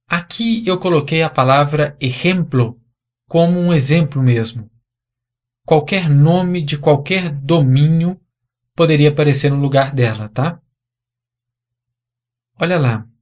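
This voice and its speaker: A man with a Brazilian Portuguese accent teaching a language lesson, patiently explaining and repeating example words clearly. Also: a little high.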